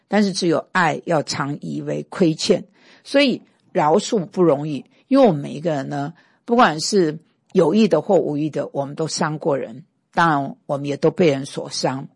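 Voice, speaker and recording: Husky low-voiced woman preaching. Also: normal speed. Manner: lively, emphatic, acts out quarrels. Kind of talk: sermon.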